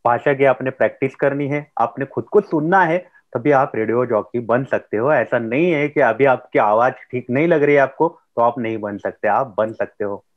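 A man's voice: medium pitch, moderate pace, hardly any pauses, lo-fi sound. A male interviewer who sums up his guest's points and then asks questions. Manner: summarizing, then posing questions. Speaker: interviewer host.

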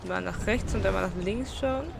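A young woman, a let's player, offers casual gameplay commentary, grumbling bluntly to herself at a normal speed in a medium-pitched voice. Street ambience from the game comes through clearly in the background.

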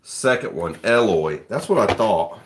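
A man's voice: on the low side, normal speed, noisy background. A man hosting a casual live stream, chatting loosely and joking with viewers he greets by name. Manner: laid-back, joking, talks to chat viewers by name. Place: home room with a TV.

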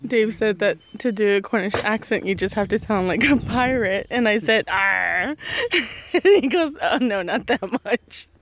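A woman's voice: mid-range voice, normal speed, hardly any pauses. A woman vlogging while out walking, chatting casually, laughing often and cooing at animals. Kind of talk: casual chat on a walk.

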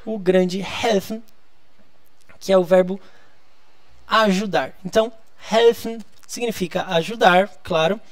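A man's voice: high voice, steady tone, slow, long pauses, no room sound. A man from Brazil teaching a live online lesson, explaining patiently and drawing out key words. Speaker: German teacher.

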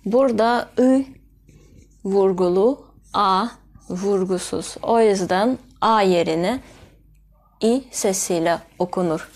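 A woman teaches pronunciation at an unhurried pace, spelling out sounds and saying every example word twice. Her voice sits at an ordinary middle pitch. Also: darkish tone. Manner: spells out sounds and repeats example words slowly. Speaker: Russian language teacher. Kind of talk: slow, deliberate language lesson.

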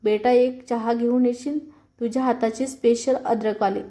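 Kindly old father-in-law, read by a woman, protective, mellow, even, storybook reading. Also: a little high, moderate pace, close to an everyday voice.

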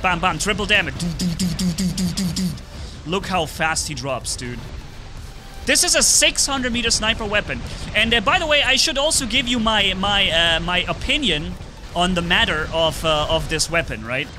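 A man giving live gameplay commentary on his own stream, excited play-by-play with sound effects. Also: high-pitched, normal speed, music in the background. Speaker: gaming streamer.

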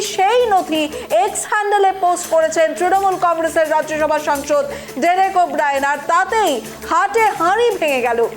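A woman anchor reads the bulletin in a brisk, assertive way. Her voice sits very high, and faint music plays behind her. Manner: brisk, assertive headline delivery. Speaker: news anchor. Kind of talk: news reading.

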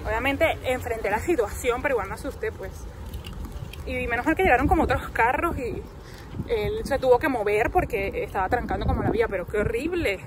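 A young woman in her twenties records herself on a phone at arm's length outdoors. She tells a story in a lively, chatty way, with a slightly high voice. Street and traffic noise are clearly heard behind her. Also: fairly quick. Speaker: vlogger. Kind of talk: casual vlog chat. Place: outdoors by a shopping mall. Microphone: phone held at arm's length.

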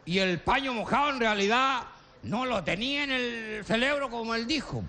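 A man's voice: extremely high pitch, animated, normal speed, bright, forceful tone, full character voice. A man playing a boastful, fibbing old Chilean country man in a live comedy sketch, with a rural Chilean accent and a rustic drawl. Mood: storytelling. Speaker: comic performer.

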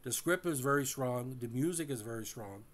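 A man talks through a classic TV episode, stopping often on "uh" and restarting his sentences. His voice sits at an ordinary middle pitch, and he speaks casually, now and then addressing the audience. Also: lively intonation. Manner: halting, many uh fillers and restarts; addresses listeners directly. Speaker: host. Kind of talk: casual recap and commentary.

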